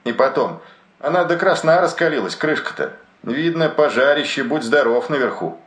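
A man's voice: medium pitch, animated, moderate pace, a bit bright, echoey room, pitched above the performer's own voice, lightly acted. A man voicing a dazed, rambling sailor trapped below deck, chattering in a detached, dreamy way in an audiobook. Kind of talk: audiobook narration.

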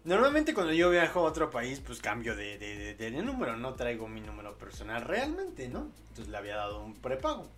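A man's voice: mid-range voice, huge pitch swings, brisk, hardly any pauses, fairly bright tone, soft background music. A young man with a Mexican accent hosting a late-night podcast, rambling through a casual story with lots of jokes. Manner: rambling, lots of fillers and restarts, joking. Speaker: podcast host.

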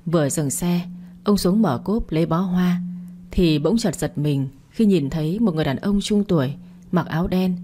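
A woman narrating an audio story in a steady, dramatic storytelling manner. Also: on the low side, slight background noise. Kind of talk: scripted narration.

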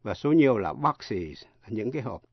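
A man teaching English pronunciation in a radio lesson, spelling words out letter by letter with slow, careful delivery. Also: fairly low pitch, sing-song, dry recording, highs cut off.

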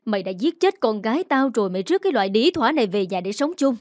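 A woman voicing a distraught middle-aged mother who pleads and shouts in a raised voice. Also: medium pitch, brisk, dry recording, clean studio sound, natural voice. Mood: furious.

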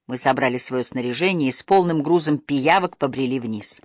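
An audiobook narrator reading a first-person story with expressive storytelling. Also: mid-range voice, fairly quick, dry recording, studio quality.

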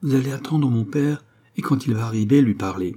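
A man's voice: mid-range voice, brisk, mellow, breathy edge, close to an everyday voice. A man reading a storybook, voicing a passionate, headstrong young woman in love, pleading and exclamatory.

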